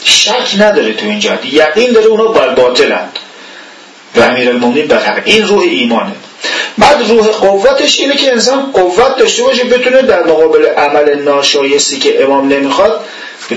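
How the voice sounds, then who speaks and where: A man's voice: fairly high pitch, sing-song, lo-fi sound, a little hiss or hum. Man teaching religion in an echoey room. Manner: conversational, with rhetorical questions and occasional chuckles. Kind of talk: informal religious lecture. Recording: echoey room, voice from far off the mic.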